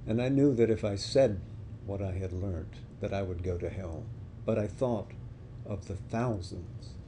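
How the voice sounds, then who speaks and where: A man's voice: lowish voice, measured pace, mellow, a little hiss or hum, natural voice. A man voicing a humble young disciple. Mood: earnest. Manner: earnest, pleading.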